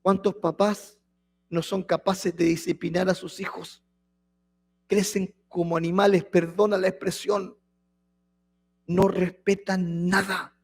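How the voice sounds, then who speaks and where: A male pastor delivers a sermon in a fairly high voice. He reads scripture with rising emphasis and keeps pressing his listeners with rhetorical questions. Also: flat delivery, slow, pauses often.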